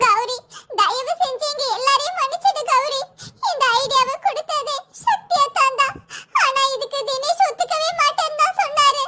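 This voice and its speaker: A performer voicing a caring young woman who gently coaxes her relative to accept her husband. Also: extremely high pitch, normal speed, background noise. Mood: pleading. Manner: coaxing and persuasive.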